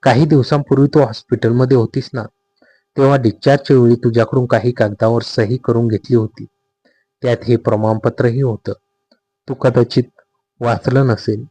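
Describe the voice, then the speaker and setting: Brief: a man as a steady, possessive young husband figure in an audio story, calm and insistent, dark husky voice. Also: mid-range voice, normal speed, dry recording, natural voice.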